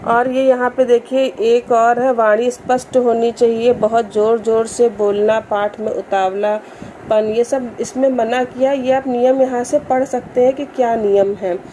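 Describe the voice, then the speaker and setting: एक महिला शांत और समझाने वाले अंदाज़ में धार्मिक पाठ के नियम बताती है और बीच-बीच में संस्कृत श्लोक धीरे-धीरे पढ़ती है।. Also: female voice, fairly high pitch, a little hiss or hum. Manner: calm, explanatory, recites Sanskrit verses slowly. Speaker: religious instructor. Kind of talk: explaining scripture recitation rules.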